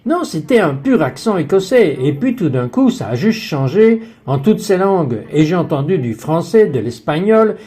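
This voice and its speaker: A man's voice: fairly high pitch, very animated, moderate pace, few pauses, mellow. A man giving the French voice-over for a woman guest on a faith talk show, telling her story in an earnest way.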